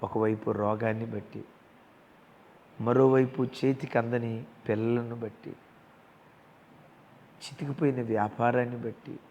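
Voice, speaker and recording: Gravelly male preacher in a reverberant hall. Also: mid-range voice, fairly even intonation, a little slow, pauses often, a little hiss or hum. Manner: impassioned preaching that swells into loud emphatic passages; speaks directly to listeners as brother and sister. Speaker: pastor. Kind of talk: sermon. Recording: long hall reverb with faint ambience.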